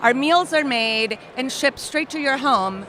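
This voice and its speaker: A woman from Costa Rica in her thirties speaks as an interview guest, her voice bright and fairly high. She explains things in a friendly, clear way, with faint traffic noise around her. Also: expressive, unhurried. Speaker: company co-founder, guest. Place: outdoor festival booth.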